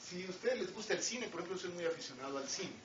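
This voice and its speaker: A man's voice: high voice, lively intonation, rapid-fire. A middle-aged man with a Mexican accent lecturing students in an academic talk, with wry joking asides and frequent rhetorical questions. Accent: Mexican Spanish. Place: lecture hall with audience. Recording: roomy, distant, dull, noisy lecture hall recording.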